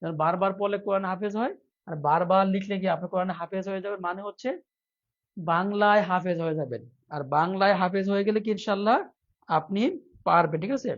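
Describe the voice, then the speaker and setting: A man's voice: sits high, steady tone, quick pace, highs cut off. A male teacher leading a live online lesson for job exams, repeating each question again and again to quiz his viewers. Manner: reads viewer comments aloud, softer.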